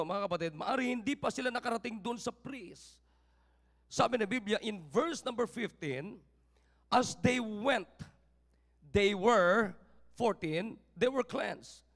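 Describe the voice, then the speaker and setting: A male pastor preaching a sermon, mixing Tagalog with English scripture quotes and rising to shouts. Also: very high voice, gravelly, in a large hall. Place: church sanctuary.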